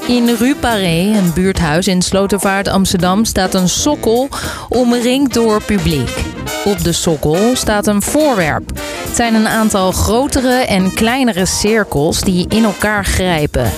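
A woman presenting a podcast in calm, measured scripted narration. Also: medium pitch. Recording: narration over music. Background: music.

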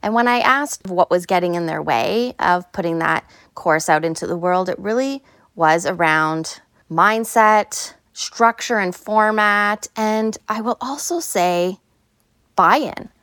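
A woman's voice: medium pitch, slow, fairly bright tone, dry recording, clean studio sound. A woman hosting a solo podcast in a casual, conversational way, recorded on a phone inside a small closet. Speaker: podcast host. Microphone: phone, no headphones.

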